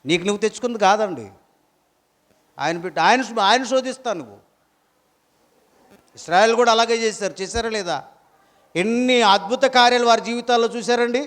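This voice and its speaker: A man's voice: sits high, fairly quick, pauses often, a bit bright, long reverb tail. A pastor preaching a sermon, throwing rhetorical questions at his congregation.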